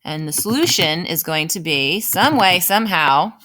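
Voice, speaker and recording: Her voice is on the low side, pushed and bright, with lively intonation at a normal speed, and slight background noise sits behind it. She's an elementary school writing teacher explaining an informal lesson step by step, thinking aloud and often asking "right?"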